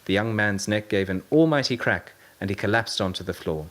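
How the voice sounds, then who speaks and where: A man narrating an audiobook story in a steady, measured way. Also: fairly low pitch. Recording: narration over loud music.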